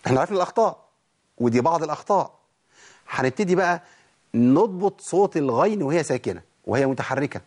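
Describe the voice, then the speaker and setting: A man with an Egyptian accent teaching tajweed, asking and answering his own questions and reciting examples slowly. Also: on the high side, expressive, darkish tone. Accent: Egyptian Arabic. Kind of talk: tajweed lesson on letter pronunciation.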